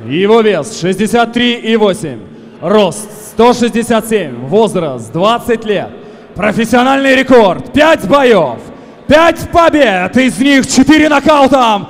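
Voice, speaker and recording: A young man announcing boxers as a ring announcer, theatrically, with drawn-out, shouted names into a handheld microphone in a big hall. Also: very high-pitched, sing-song. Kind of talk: boxing ring announcer introductions. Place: large indoor boxing arena. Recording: echoey hall PA with background noise.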